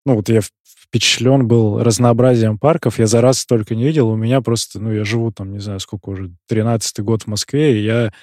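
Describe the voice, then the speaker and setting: A man's voice: on the low side, fairly even intonation, brisk, a little mellow, no echo, studio quality. A man hosting a podcast interview, asking friendly, curious questions in a casual way. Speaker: podcast host.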